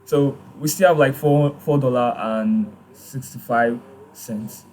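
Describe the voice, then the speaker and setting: Guy walking thru a coding tutorial, lots of um and like, mellow low-key voice. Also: takes it slowly, a little hiss or hum. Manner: hesitant, many fillers and restarts. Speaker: tutorial host. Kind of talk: casual screen-recorded tutorial.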